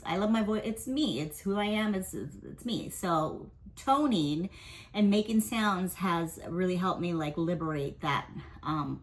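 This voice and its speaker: A woman with a lowish voice gives a casual weekly tarot and astrology reading. She's candid and rambling, relying on fillers and swearing offhandedly.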